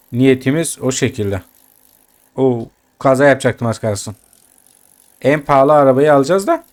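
Guy doing casual lets-play commentary, talks to his viewers, keeps grumbling and cussing at the game. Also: medium pitch. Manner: chatty, addresses viewers, grumbles and swears at the game. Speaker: gaming YouTuber.

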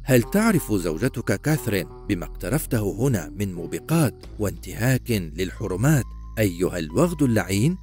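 Sly old male demon, hissing and quiet, low and mocking, voiced by a man. Menacing storybook villain. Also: sing-song, fairly quick, faint music behind. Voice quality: hissing, whispery.

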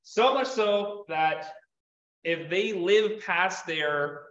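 A young beekeeping presenter with a high, fairly bright voice talks extremely slowly through a casual slide show, chatting loosely with many fillers and restarts. The highs are cut off, and a far camera records him in an echoey indoor meeting room.

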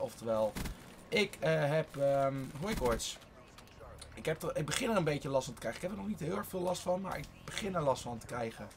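A man giving rambling live gameplay commentary from his bedroom, voice a little strained, with excited outbursts and swearing. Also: mid-range voice, a little hiss or hum. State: slightly strained voice. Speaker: gaming YouTuber. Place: his own warm bedroom.

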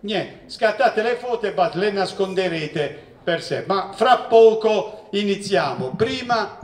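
A man's voice: high-pitched, a little slow. A man, a professor telling funny stories at a public talk. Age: 60s. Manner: joking, lively storyteller who acts out voices in quotes. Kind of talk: humorous storytelling lecture. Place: event hall with seated audience. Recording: echoey hall, distant mic.

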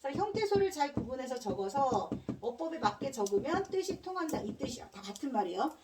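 A high-pitched woman teacher lectures with a lively, swooping voice, firing quick repeated questions at her class and dropping casual slang between points. She sounds a little distant from the microphone. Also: background noise. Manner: drills students with repeated questions. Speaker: Korean language teacher.

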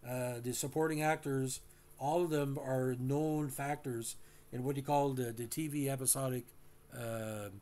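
A man hosting a show, recapping and discussing a classic television episode in a casual, halting way with many fillers, sometimes speaking to the listeners directly. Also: medium pitch, steady tone, mellow. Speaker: host.

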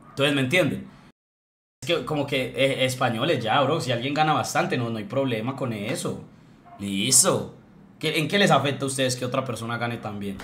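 A man's voice: mid-range voice, fairly bright tone. A young man, ranting on a livestream in a heated, blunt way, swearing and repeating himself. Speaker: streamer. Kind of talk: livestream rant.

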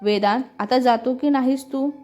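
An emotional, affectionate young woman from a family story, as a woman narrator reads her, fairly high in pitch. Quiet music runs under a slightly dull sound. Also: moderate pace, lightly acted. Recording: slightly muffled with soft music.

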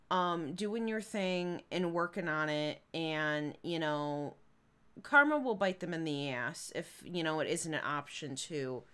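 A young woman from the Chicago area speaks with a Midwestern American accent, her voice on the low side with a fairly bright tone. She chats casually while streaming a game, rambling along with fillers and giggles as she comments live.

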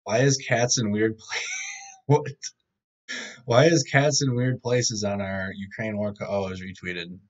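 Reading headlines on a casual live-stream news rundown, a man in a hotel room trips over words. His lowish voice is fairly even at a measured pace, pausing often, and his laptop microphone gives it a tinny, tin-can quality.

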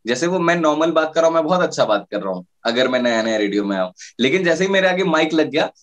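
Radio jockey guy giving interview answers, kinda high voice, lots of uh and restarts. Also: expressive, fast, dull audio. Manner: explanatory, with frequent fillers and restarts.

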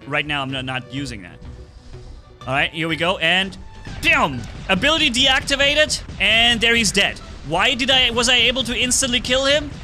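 A man streams his game live and calls the action, jumping into excited play-by-play with sound effects. His voice sits high and rings very bright and sharp. Faint game music plays underneath. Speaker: gaming streamer. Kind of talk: live gameplay commentary.

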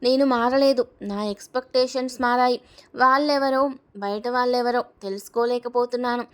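A woman's voice: on the high side, steady tone, moderate pace, smooth, natural voice. A woman reading as a proud, blunt young bride. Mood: angry. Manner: blunt, defiant. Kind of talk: storybook reading.

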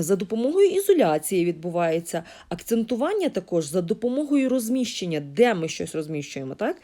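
A woman from Ukraine explaining design and art principles in a lesson, talking with fillers and quick self-corrections. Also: on the high side, warm tone. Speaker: art teacher.

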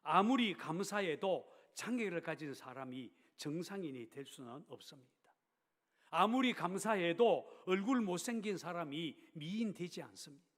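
A man preaching a sermon as a pastor, emphatic and swinging between raised and hushed phrases. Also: high voice, animated, normal speed. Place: church sanctuary. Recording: long reverb of a church hall.

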